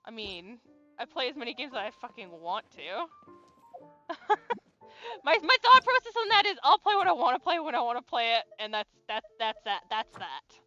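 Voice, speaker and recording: A woman in her twenties chatting casually on a gaming stream, talkative and quick to laugh, filling her talk with "like". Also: on the high side, very animated, sharp tone, highs cut off, soft background music. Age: 20s. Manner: chatty, laughs easily, lots of "like".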